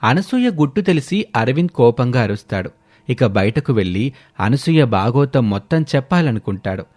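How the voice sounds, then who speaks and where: A male narrator telling a scripted animated moral story with steady, dramatic delivery. His voice sits in a middle pitch. Soft music plays underneath. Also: normal speed.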